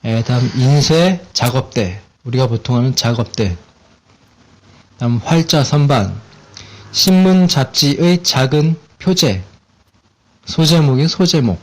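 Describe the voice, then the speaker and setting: A man with a Korean accent gives a relaxed, casual English vocabulary lesson, his speech full of fillers and repeated words. His mid-range voice moves a little slowly, with frequent pauses.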